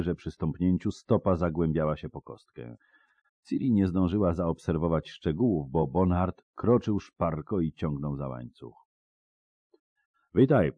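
Deep-voiced male audiobook narrator. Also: no echo, lo-fi sound. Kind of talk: scripted narration.

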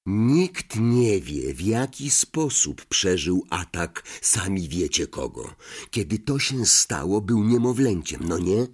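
A man's voice: medium pitch, measured pace, a little mellow, voice pushed up, lightly acted. A man voicing a self-important, nervous schoolboy who talks in an earnest, conspiratorial way. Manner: earnest, conspiratorial, drops to a whisper.

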